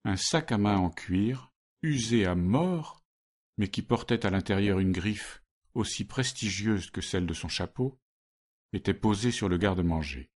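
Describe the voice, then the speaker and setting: A male narrator with a very deep voice reads a story. His delivery is measured and steady. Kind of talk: scripted narration.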